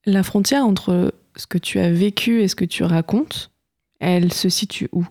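Low, dark-toned woman interviewer. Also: normal speed, no echo, studio quality. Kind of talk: casual interview questions.

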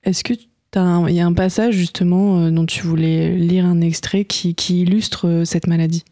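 A woman's voice: on the low side, flat delivery, normal speed, warm tone, no echo, clean studio sound. A woman interviewer asking informal questions with some hesitation.

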